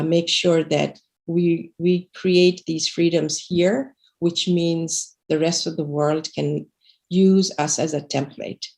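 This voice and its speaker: A middle-aged Bangladeshi woman with a low, gravelly, somewhat dark voice presents slides during a livestream talk. She is an activist speaking earnestly over a video call from a room at home, with plenty of fillers and restarts, captured by a webcam mic.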